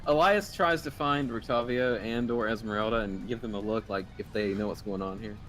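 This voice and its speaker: A man's voice: lowish voice, fairly quick, a bit bright. A man playing a tabletop role-playing game, chatting casually and hesitantly as he improvises his turns. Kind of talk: casual chat during role-play.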